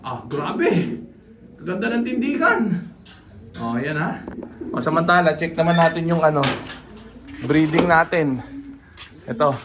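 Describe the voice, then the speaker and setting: Chatty man with a higher voice, in a noisy pigeon loft. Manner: chatty, points things out with quick asides. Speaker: pigeon breeder showing his birds. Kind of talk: casual vlog walkthrough.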